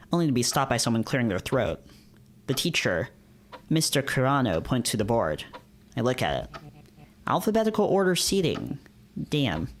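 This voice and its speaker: A streamer with a mid-range voice reads visual novels aloud and chats casually, often repeating himself in informal slang. There's slight background noise.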